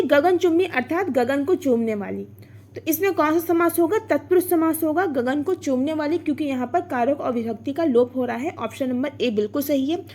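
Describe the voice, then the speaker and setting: A woman's voice: sits high, a little mellow. A woman teaching an online exam-prep grammar lesson, explaining step by step, asking her own questions and answering them, sounding out vowels and syllables.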